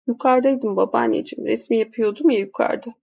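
A calm young man, relaxed and gently amused, as voiced by a woman reader in her own tone. Her voice has a slight gravel, and the audio is muffled. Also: fairly high pitch, brisk. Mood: light. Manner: relaxed, light. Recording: dull lo-fi audiobook recording.

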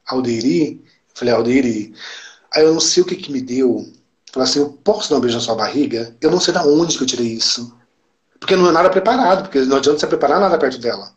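A man with a Brazilian Portuguese accent, a podcast guest telling an emotional story in casual chat, emphatic and animated, acting out quoted dialogue. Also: medium pitch, quick pace, muffled recording.

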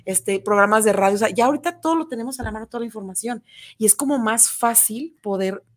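A woman who is a parent, telling stories in a lively, chatty way with an easy laugh. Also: on the high side, fast talker. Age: adult parent. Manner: chatty, animated storytelling with laughs. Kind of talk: casual chat.

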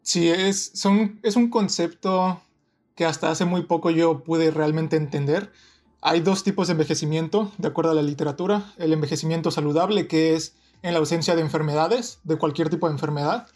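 A young man from Mexico with a Mexican Spanish accent, a guest in an interview, explaining things step by step in a measured way. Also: fairly high pitch, darkish tone. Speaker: guest, doctoral researcher.

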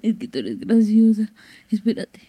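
A woman co-hosting a podcast in casual chat, reacting and teasing with quick interjections. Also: medium pitch, expressive, mellow, husky, dry recording.

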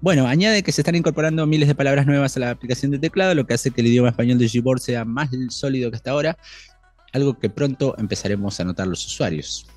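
A man co-hosting a casual tech podcast, talking with many restarts and fillers and reading news quotes quickly. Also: mid-range voice, a little mellow, faint music behind. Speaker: podcast co-host.

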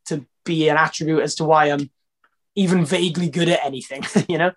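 A man's voice: on the high side, steady tone, fairly quick. A Welsh man from Wales, a singer talking casually in an interview, rambling with lots of fillers and restarts.

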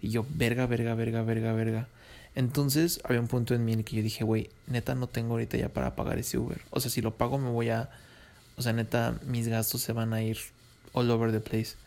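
A man's voice: mid-range voice, flat delivery, a little fast, vocal fry, darkish tone. A young Mexican man with a Mexican Spanish accent, rambling through a slangy, casual story. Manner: slangy, rambling, laughs between lines.

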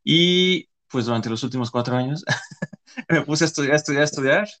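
A man's voice: a little high, normal speed, a bit bright. A man hosting a podcast, talking casually and rambling with lots of filler words. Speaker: podcast host.

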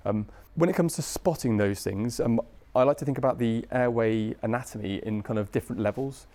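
A British anaesthesia registrar gives a medical lecture at a brisk pace in a soft, mellow, medium-pitched voice. His teaching is informal and chatty, with colloquial phrasing and frequent tag questions.

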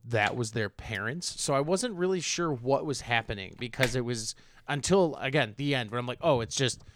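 A man's voice: mid-range voice, animated, normal speed, slight background noise. A man chatting casually, telling rambling stories with some swearing. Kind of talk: casual chat.

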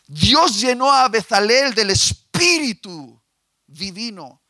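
A man's voice: high-pitched, very animated, slow, pushed and bright, dry recording. A man preaching a sermon, asking his listeners questions and telling a fable. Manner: asks the audience questions, tells a fable.

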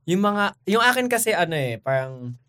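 Lively man telling stories in casual chat. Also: sits high, moderate pace, smooth. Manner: animated storytelling, quotes people in put-on voices. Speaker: worker abroad.

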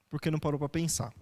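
High-voiced pastor in a reverberant church. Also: male voice. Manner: conversational teaching with rhetorical questions. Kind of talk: sermon.

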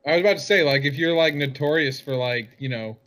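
A young man in casual group chat, talking in halting runs full of fillers. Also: a little high, a bit bright. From Arkansas.

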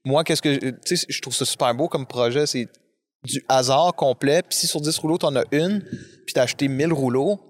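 A man's voice: mid-range voice, moderate pace. Talkative Québécois man, self-mocking guest. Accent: Québécois French. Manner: talkative, self-deprecating, rambling. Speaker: podcast guest. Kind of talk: casual conversation.

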